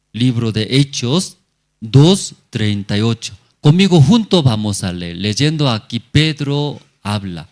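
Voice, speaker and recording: This male pastor, speaking at a medium pitch, delivers a sermon during a church service. He uses brief, plain phrases and frequently puts questions to the congregation.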